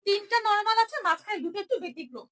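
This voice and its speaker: A woman's voice: extremely high pitch, animated, fast, a bit bright. A young woman teaching a Japanese writing lesson, explaining each stroke patiently and repeating every sound.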